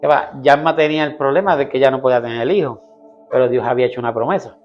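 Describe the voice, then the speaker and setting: A man's voice: medium pitch, rapid-fire, highs cut off, soft background music. A man, a pastor, telling his personal testimony in an interview, earnestly, acting out what people said to him. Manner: earnest storytelling, acting out quoted dialogue.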